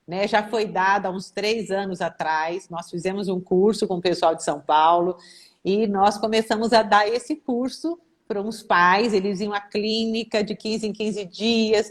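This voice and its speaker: A middle-aged Brazilian woman therapist talking casually on a live stream, telling lively stories and acting out the voices of the people she quotes. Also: mid-range voice. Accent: Brazilian Portuguese. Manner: animated storytelling, acts out quoted voices.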